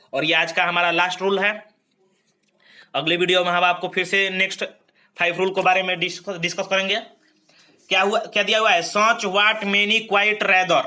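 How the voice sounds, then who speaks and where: A man's voice: high voice, sharp tone. A man teaching English grammar for exam preparation, drilling each rule and checking in with the class after almost every point. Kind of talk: exam-prep grammar lesson. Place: recorded lesson video.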